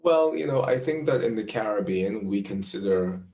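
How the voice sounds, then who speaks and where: Deep gravelly Bahamian man in his twenties. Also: lively intonation, darkish tone, roomy sound. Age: 20s. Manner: thoughtful, measured, restarts phrases. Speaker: astrologer interviewee. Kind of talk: conversational interview answers.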